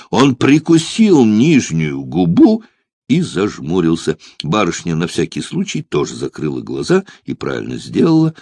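Male audiobook narrator, low and animated, dramatic storytelling. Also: vocal fry, no room sound, clean studio sound. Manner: expressive, dramatic reading. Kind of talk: scripted narration.

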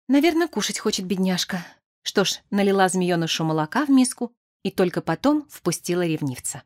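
A woman narrating a literary audiobook in a measured, expressive way. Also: fairly low pitch, no room sound, studio quality.

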